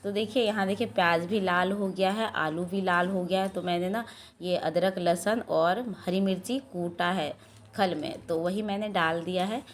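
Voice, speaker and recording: Hoarse chatty woman vlogging at home. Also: fairly low pitch, steady tone, moderate pace, a little hiss or hum. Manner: chatty, rambling, frequent filler "ना". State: hoarse from a sore throat. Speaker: vlogger and mother. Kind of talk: casual cooking and daily-life vlog narration. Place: home kitchen.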